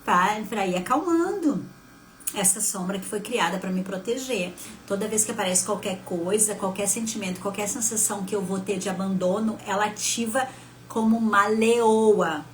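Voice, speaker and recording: A woman in her fifties with a southern Brazilian accent from Rio Grande do Sul, giving an emotional personal testimony on a live stream. She swings between hushed and loud and talks to herself as she speaks. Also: medium pitch, normal speed, slight background noise. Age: 50s. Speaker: spiritual therapist and live host.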